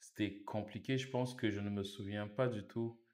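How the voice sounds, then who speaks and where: A man's voice: lowish voice, normal speed, echoey room. A man from Congo, a podcast co-host, telling stories in casual chat and acting out the people he quotes. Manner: animated, acts out quoted voices.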